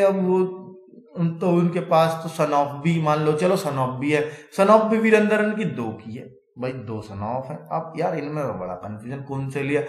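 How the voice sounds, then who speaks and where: उत्साही, बातूनी हिंदी शिक्षक, गूंजता कमरा. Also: male voice, a little high, echoey room. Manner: chatty, repeats "ठीक है" often. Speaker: exam coaching teacher. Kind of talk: casual classroom lecture.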